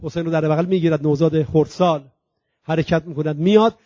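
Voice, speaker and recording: A man preaching a sermon with passion, swinging between loud and hushed, drawing out Arabic recitations slowly. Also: fairly high pitch, steady tone, no echo, lo-fi sound. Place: religious centre hall.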